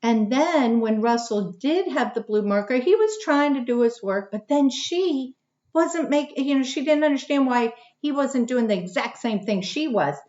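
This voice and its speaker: A woman's voice: high voice, moderate pace. A woman teaching a lesson to young children, reading a picture book aloud and asking questions she answers herself. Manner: animated, asks questions and answers them herself. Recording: dull lo-fi recording.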